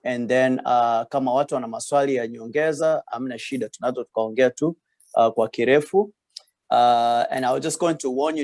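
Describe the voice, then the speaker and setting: A Tanzanian radiologist speaks over a video call in a medium-pitched, slightly mellow voice with no echo. He sounds hesitant, uses many fillers, and switches between Swahili and English.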